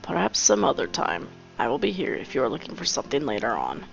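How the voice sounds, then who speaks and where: A woman voicing a gentle, formal male pigeon who runs a cafe, speaking softly and politely. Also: extremely low pitch, wildly swooping pitch, quick pace, creaky, pitched below the performer's own voice, full character voice. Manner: soft-spoken, formal, polite. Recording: dull lo-fi with game music.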